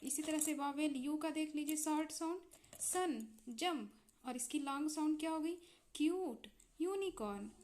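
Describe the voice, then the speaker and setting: High-voiced Indian woman teaching phonics. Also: flat delivery, fairly quick, few pauses, darkish tone. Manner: patient, repeats and checks with "है ना?". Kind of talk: explaining English phonics in Hindi.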